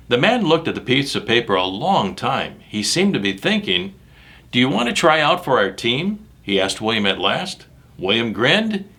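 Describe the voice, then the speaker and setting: This man's voice is bright and pitched in the middle range as he performs a lively read-aloud of a picture book for kids. His delivery is dramatic and emphatic, he addresses the children directly, and he pauses for comments on the illustrations.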